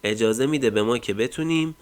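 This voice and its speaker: A man hosting a casual screen-recorded software tutorial, explaining step by step with frequent fillers and trailing line ends. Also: medium pitch. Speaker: tech tutorial host.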